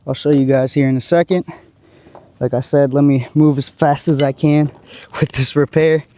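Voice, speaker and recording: A man working as a roofer, talking through a shingle repair step by step, his voice going hoarse after a long day. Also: on the high side, steady tone, normal speed, warm tone, a little hiss or hum. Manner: careful, explaining each step. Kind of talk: on-site repair walkthrough. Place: on a rooftop outdoors.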